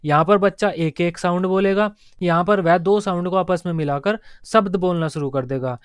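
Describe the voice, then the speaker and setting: Guy teaching an exam prep class, high clear voice, dry close mic, goes over stuff again and again. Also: normal speed, dry recording. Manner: explains step by step, repeats key points.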